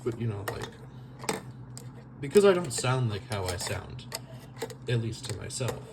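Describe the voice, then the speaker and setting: Moving about the stove in his home kitchen, a young man makes a stew while chatting casually, full of fillers and jokes at his own expense. His mid-range voice swings widely in pitch at a measured pace. A camera mic records him, and he sometimes faces away from it; background noise is present.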